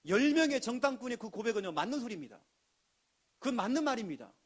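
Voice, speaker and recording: A pastor delivering an emphatic sermon in a notably high voice. He drives his points home and slips into the voices of the people he quotes. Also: very animated, fast. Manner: emphatic preaching with acted quotes.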